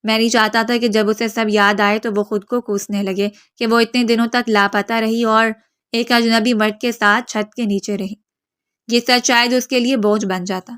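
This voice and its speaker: A woman reading the lines of a gentle, protective young man who speaks softly and pleads. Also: a little high, little pitch movement, clear, resonant tone, no room sound, clean studio sound, close to an everyday voice.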